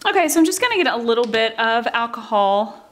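A woman's voice: fairly high pitch, big pitch swings, fast, a bit bright. A woman hosting a craft tutorial, talking casually and chattily as she walks through each step, with frequent ums and "okay, so". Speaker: craft channel host.

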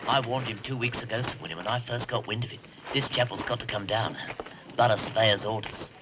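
An actor playing a defensive council official who talks in a hurried way, in 1950s film style. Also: male voice, on the low side, heavy background noise, close to an everyday voice.

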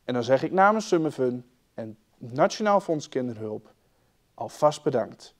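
A man with a Dutch accent reading a children's story aloud, raising and dropping his voice for the children's lines. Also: normal speed. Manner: lively, shifts loudness and pitch for the children's lines.

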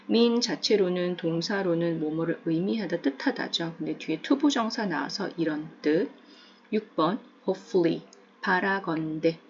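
A woman English teacher who narrates a lesson, explaining slowly and repeating phrases. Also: on the low side, a little mellow, highs cut off, slight background noise.

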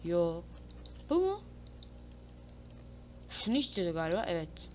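A woman's voice: on the low side, sing-song, unhurried, slight background noise. A woman giving casual let's-play commentary, talking to herself and her viewers, reading game prompts aloud and swearing playfully. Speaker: gaming YouTuber.

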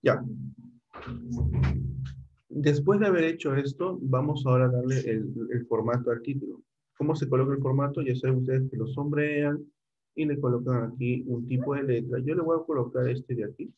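A man's voice: medium pitch, moderate pace, mellow, husky, highs cut off. A middle-aged man teaching a computer class online, guiding students step by step and checking in often.

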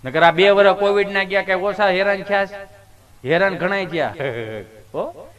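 A man with a fairly high voice tells folksy comic stories. He slips into the voices of the people in his stories as he goes. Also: normal speed, dull audio, a crowd in the background. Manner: folksy storytelling, acts out the people in his anecdotes. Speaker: stage comedian. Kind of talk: live comic storytelling.

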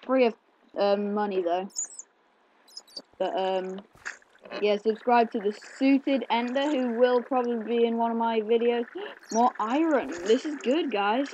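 Male gameplay host, unhurried rambling commentary with fillers; slightly muffled desk mic, keyboard clicks behind. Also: very high-pitched, steady tone, a little mellow, a little hiss or hum. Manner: rambling, chatty, with many fillers. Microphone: desk mic picking up keyboard clicks. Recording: slightly dull home recording with keyboard clicks.

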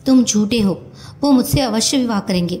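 A woman reading a storybook who voices a naive, lovesick young woman with an excitable, pleading manner. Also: fairly high pitch, normal speed, natural voice. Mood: emotional.

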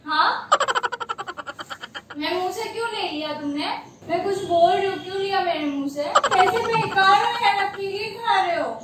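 High-pitched wife crying and scolding, far from the mic, super echoey. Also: female voice, normal speed. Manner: tearful, scolding, half-laughing. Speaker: wife being pranked. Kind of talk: casual argument on camera. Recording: very echoey, off-mic, loud noise.

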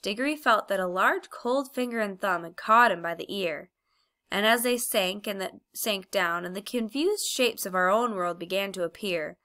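Female audiobook narrator, bright tone, expressive measured storytelling. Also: fairly low pitch. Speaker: audiobook reader.

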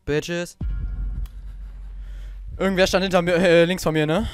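In this horror let's play, a teenage gamer talks fast in a high, clear, resonant voice with little pitch movement. He jokes nervously with his viewers and shouts without warning. Soft background music and faint game ambience play underneath.

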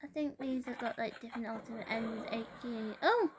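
A woman giving excitable gameplay commentary, exclaiming and giggling as she plays. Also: on the high side, a little fast, background noise. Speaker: gamer.

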